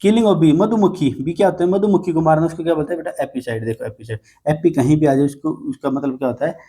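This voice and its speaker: A man's voice: fairly high pitch, quick pace, warm tone, slightly rough. A man teaching an exam vocabulary class, coaxing students with playful memory tricks and constant reassurances. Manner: coaxing, repeats "ठीक है बेटा", playful mnemonics.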